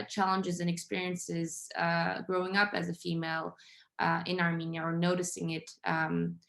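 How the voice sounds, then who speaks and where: A woman's voice: fairly low pitch, vocal fry, fairly bright tone. A woman who grew up in Denmark, speaking as a panelist, hesitant and full of fillers. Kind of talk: panel discussion remarks.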